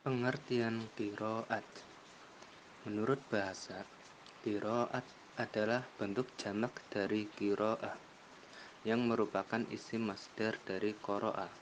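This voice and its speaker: A man's voice: lowish voice, a little hiss or hum. Young man reading lesson definitions carefully. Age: young adult. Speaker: university student presenter. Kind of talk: read-aloud lesson narration.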